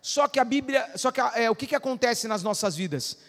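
A man's voice: very high voice, lively intonation, brisk, a bit bright. A middle-aged man pastor preaching a conversational sermon, often asking the congregation if they follow. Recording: long hall reverb.

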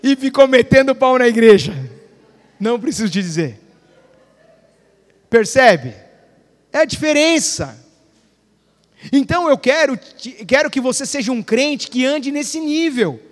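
A Brazilian man preaching with a strikingly high voice. He tells stories, plays out the dialogue and swings between loud declarations and hushed asides. His voice carries a long reverb, as in a large hall. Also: expressive, a little slow, long pauses. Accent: Brazilian Portuguese. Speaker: pastor. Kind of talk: sermon.

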